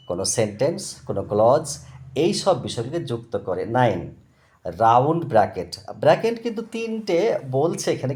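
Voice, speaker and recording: Male tutor, 50s, lively rising and falling pitch, chatty and digressive, repeats key terms. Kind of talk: spoken English grammar lesson.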